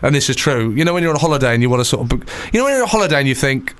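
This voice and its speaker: A young man hosting a podcast in casual chat, joking and self-deprecating with quick asides. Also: medium pitch, very animated. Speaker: podcast host.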